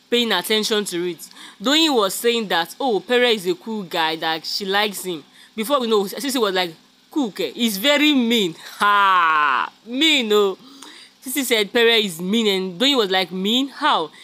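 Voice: medium pitch, bright, forceful tone. A host giving a chatty, casual gossip recap of a reality show, talking straight to the viewers. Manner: chatty, calls viewers "guys", many fillers.

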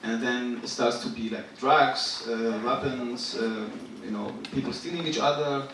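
On a big theater stage in front of a live audience, a young Syrian man in his twenties, a rapper and guest artist, speaks haltingly while hunting for words. His mid-range voice has a fairly bright tone. The echoey stage sound is captured from a distance, with a little hiss or hum.

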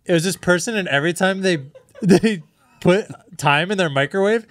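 A man's voice: sits high, moderate pace, fairly bright tone, slight background noise. Casual rambling male podcast co-host. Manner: rambling, filler-heavy. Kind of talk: casual chat.

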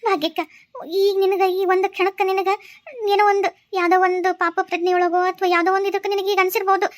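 A woman's voice: very high-pitched, flat delivery, quick pace. A woman voicing a kind, persuasive village woman who mediates in a family quarrel in a cartoon, with a North Karnataka accent. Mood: coaxing. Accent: North Karnataka Kannada. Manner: coaxing and earnest.

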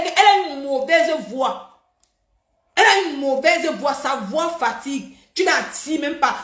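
A woman hosting a live stream, talking in an animated, mocking, repetitive way. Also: high voice, reverberant. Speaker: livestream host. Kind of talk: heated live-stream rant.

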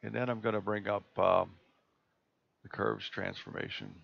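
A man presenting a live screen-share tutorial on a video call, talking in a relaxed, halting way with many fillers and restarts. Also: on the low side, creaky, husky. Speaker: astronomy club presenter. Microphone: computer mic on a video call. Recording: dull lo-fi video call audio.

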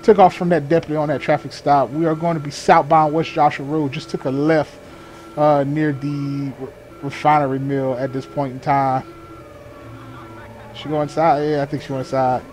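This gamer, role-playing a sheriff's deputy on patrol, improvises police radio call-outs full of clipped procedural jargon and casual muttered asides. His voice is fairly high and darkish, with a level tone at normal speed. A little hiss or hum accompanies game vehicle and ambient sounds in the background.

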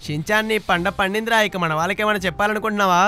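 A man hosting a gaming channel, speaking very fast in a high, bright voice. His tone is smooth and clear as he addresses his subscribers. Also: fairly even intonation. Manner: rapid, upbeat, addresses subscribers. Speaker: channel host. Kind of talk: gaming video narration.

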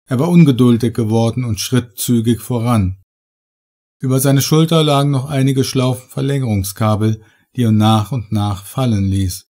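A man reading a horror story aloud in measured, dramatic, scripted narration. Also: mid-range voice, steady tone, mellow. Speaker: audiobook narrator.

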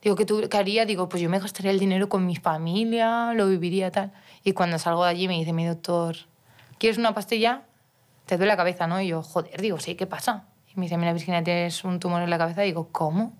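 Young woman recounting her story, low-pitched. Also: steady tone, quick pace. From Mallorca, Spain. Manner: storytelling with many restarts and quoted dialogue. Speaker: guest, professional footballer. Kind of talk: casual interview chat.

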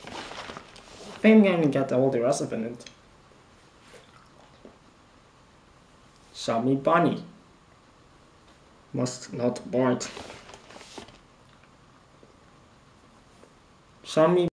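A man's voice: medium pitch, darkish tone, a little hiss or hum. A young man talking to camera in a casual challenge video with his mouth stuffed full, speech muffled and chewy. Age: young adult. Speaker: challenge vlogger. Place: bedroom, indoors. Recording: echoey small room.

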